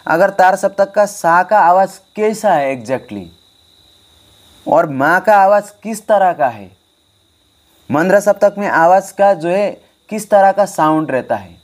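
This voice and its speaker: A man's voice: high-pitched, expressive, measured pace. A man teaching harmonium online, speaking straight to his students and repeating key points for emphasis. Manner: repetitive, emphatic, addresses students directly. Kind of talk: online music lesson. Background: faint harmonium.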